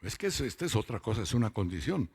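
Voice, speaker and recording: A man preaching a testimony at a church meeting, with a low, gravelly, somewhat husky voice. He talks in a storyteller's way and slows right down on key words for emphasis. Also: big pitch swings, a little mellow. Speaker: lay preacher giving testimony. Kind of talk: testimony sermon.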